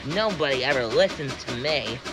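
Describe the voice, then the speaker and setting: A man's voice: mid-range voice, lively intonation, normal speed, lightly acted. A man voicing a small, earnest young male engine who talks in an eager, pleading way, with music behind. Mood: glum.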